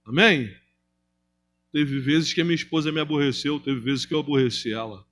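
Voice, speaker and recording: A man preaching a sermon to his congregation, asking rhetorical questions and moving between loud emphasis and hushed, drawn-out phrases, with a Brazilian Portuguese accent. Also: a little high. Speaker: pastor. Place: church.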